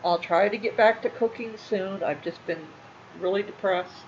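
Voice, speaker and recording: Halting, emotional woman vlogging. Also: mid-range voice. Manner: halting, emotional, repeats herself. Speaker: channel host. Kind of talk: casual talk to livestream viewers. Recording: slightly muffled with faint room noise.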